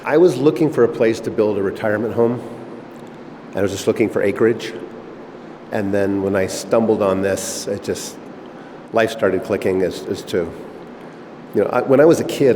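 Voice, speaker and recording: Deep-voiced middle-aged man in echoey silo. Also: moderate pace. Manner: relaxed, rambling with fillers and restarts. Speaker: missile silo owner giving a tour. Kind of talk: casual conversational interview. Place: inside a converted underground missile silo. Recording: echoey concrete chamber, faint background noise.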